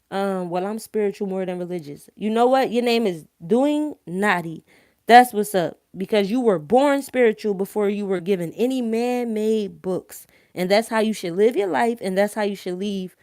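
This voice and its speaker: Mid-range and a little mellow, her voice keeps a moderate pace in a dry, clean studio recording. As an online live-stream host with a thick Philadelphia accent, she shares informal opinions bluntly and emphatically, full of slang and swearing, and keeps checking with tag questions that viewers follow.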